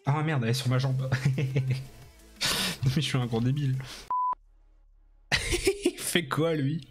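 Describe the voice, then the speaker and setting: Male streamer, unhurried and crude, laughs constantly over background game music. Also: mid-range voice, a little mellow. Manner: laughs often, crude and joking. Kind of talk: casual gaming stream chat. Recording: music playing under the voice.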